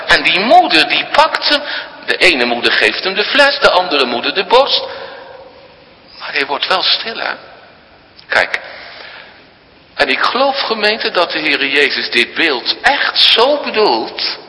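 Bright, lively preacher in echoing church. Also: male voice, sits high. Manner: emphatic, many rhetorical questions. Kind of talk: sermon. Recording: long church reverb.

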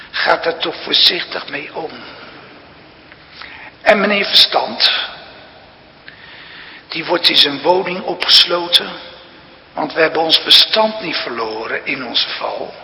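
Brief: male preacher, slow and deliberate, bright, ringing tone, emphatic storytelling sermon, church reverb. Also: on the high side. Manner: emphatic storytelling preaching, addressing congregation and children. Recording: long reverb of a church hall.

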